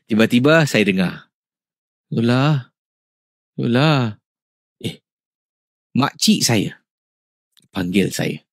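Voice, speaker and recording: A man hosting a radio show, reading out listener ghost stories in an animated, suspenseful way. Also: no room sound, clean studio sound. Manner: animated, with sudden rises in pitch and loudness for suspense.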